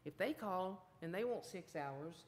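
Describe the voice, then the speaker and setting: A woman's voice: fairly low pitch, expressive, unhurried. A woman speaking plainly and firmly in a city council meeting. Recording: long reverb in council chamber.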